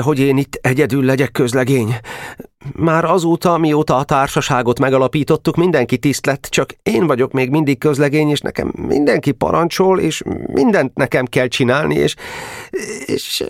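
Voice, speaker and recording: A man voicing a small, timid blond schoolboy who pleads in a high, trembling voice. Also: dry recording, studio quality, close to an everyday voice. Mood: tearful pleading.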